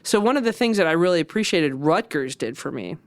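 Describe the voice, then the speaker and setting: Animated woman telling a story, smooth voice. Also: sits low, fairly quick, no echo. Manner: animated, lively storytelling with restarts. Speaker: philosophy professor, podcast guest. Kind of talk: casual storytelling interview.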